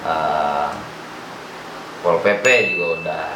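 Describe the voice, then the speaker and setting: A man's voice: a bass voice, little pitch movement, slow pace. A man with a Jakarta-area Indonesian accent chats casually as an interview guest, giving short answers that he often repeats. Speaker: guest, firefighter and fire truck operator. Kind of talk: casual chat. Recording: echoey room with clear background noise.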